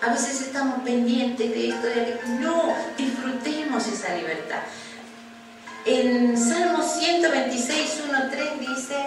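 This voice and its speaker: A woman pastor preaching a sermon in an earnest, measured way, slowing down for emphasis. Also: high voice, animated. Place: church hall. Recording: echoey hall from far off, music behind.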